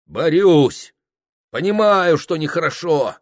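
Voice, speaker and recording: A man's voice: on the high side, animated, takes it slowly, pitched above the performer's own voice. A man voicing an anxious, lovesick young merchant's son who talks in a tense, pleading way.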